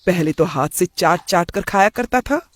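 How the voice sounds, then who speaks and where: A doting middle-aged aunt in a cartoon story, as a man puts her on. She speaks in an affectionate, mildly complaining way with a high voice. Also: expressive, moderate pace. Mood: fond. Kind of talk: cartoon voice acting.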